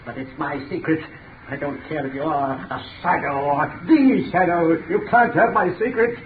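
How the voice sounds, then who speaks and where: An actor in a vintage radio drama playing a mad, gloating, secretive scientist, theatrical and ranting, repeating himself with heavy emphasis. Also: male voice, on the high side, moderate pace, natural voice. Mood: triumphant, possessive. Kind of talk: 1930s-40s radio drama acting. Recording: tinny, narrow-band old radio recording, faint noise.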